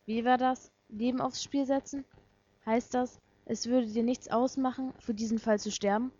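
Woman voicing a young male detective, cool, curt, fairly high voice, dull lo-fi sound. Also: steady tone, normal speed, warm tone, close to an everyday voice. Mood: blunt. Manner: curt, matter-of-fact questioning. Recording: dull lo-fi recording.

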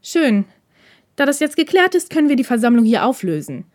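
A woman's voice: high-pitched, big pitch swings, a little fast, a little mellow, no room sound, studio quality, pitched above the performer's own voice. Stern older male student, read by a woman, icy, clipped, commanding. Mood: cold.

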